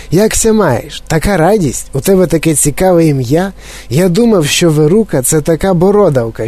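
A man voicing an eccentric, excitable male chocolate-factory owner who speaks in a high, clear, flute-like voice and gushes with delight. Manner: effusive, bubbling with excitement. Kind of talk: audiobook character voice.

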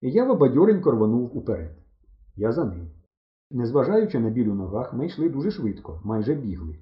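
A man reading an audiobook aloud, narrating in the first person with dramatic, expressive delivery. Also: medium pitch, a little fast. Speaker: audiobook reader. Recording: roomy, dull recording.

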